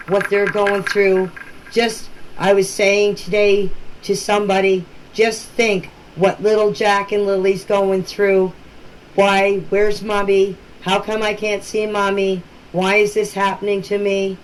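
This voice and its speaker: This older woman has a medium-pitched, level voice and speaks at a measured pace. Leaving a casual personal voice message on her phone, she is plain-spoken and emphatic, often saying things more than once, as a relative talking about a missing-children case; the amateur recording carries a lot of noise.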